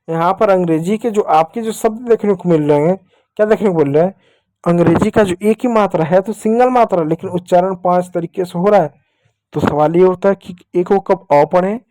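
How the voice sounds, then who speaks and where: In a dry recording, a man with a high, warm voice teaches young children online while writing with a digital pen. He patiently reinforces every point and asks questions only to answer them himself.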